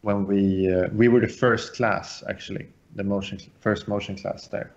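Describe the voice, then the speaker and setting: Low-voiced man from Sweden. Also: moderate pace, dull audio. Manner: relaxed, loose with fillers and restarts. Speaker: guest. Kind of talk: casual podcast chat.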